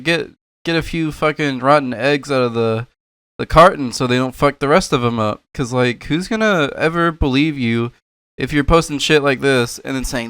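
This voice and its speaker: A man's voice: on the high side, fairly bright tone, smooth, no room sound, studio quality. Sarcastic young man mocking clips. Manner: mocking, swears a lot, laughs at clips. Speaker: commentary creator reacting to videos. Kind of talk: sarcastic reaction commentary.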